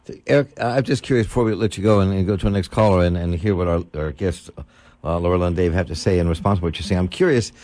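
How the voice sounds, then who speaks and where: A man with a smooth radio-host voice, hosting a call-in radio talk show from the studio and taking callers. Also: low voice, fast talker, a little mellow, dry recording. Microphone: studio microphone.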